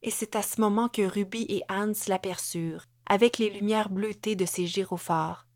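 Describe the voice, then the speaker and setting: A woman with a Québécois accent reading scripted audiobook narration in a measured, dramatic way. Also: mid-range voice, steady tone, a little mellow, dry recording, studio quality.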